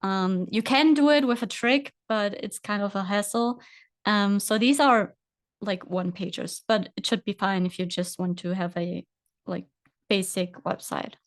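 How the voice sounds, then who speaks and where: A woman's voice: mid-range voice, a little slow, dry recording. A woman guest presenting a casual screen-share tutorial, hesitant, full of fillers as she walks through the steps.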